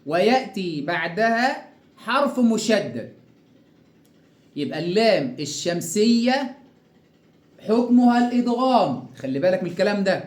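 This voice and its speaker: A man with an Egyptian accent teaching Quran recitation rules, asking questions and answering them himself, and drawing out each example word slowly. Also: high-pitched, big pitch swings, echoey room. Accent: Egyptian Arabic. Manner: asks and answers his own questions, stretches example words slowly. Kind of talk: tajweed lesson.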